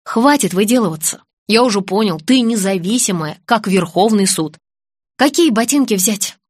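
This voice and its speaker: A woman's voice: mid-range voice, animated, moderate pace, breathy edge, no echo, clean studio sound. A woman reading an audiobook, voicing a bossy, sarcastic businessman who mocks and gives orders. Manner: mocking, commanding. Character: businessman friend, adult man, sarcastic and bossy.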